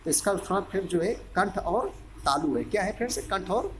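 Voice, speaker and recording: A man's voice: sits high, expressive, brisk, fairly bright tone, a little hiss or hum. A male teacher giving an exam-prep grammar lesson, sounding out syllables one by one and repeatedly asking the class a question before answering it himself. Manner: drills syllables aloud, asks and answers his own questions; repeats a quiz-style question to the class again and again.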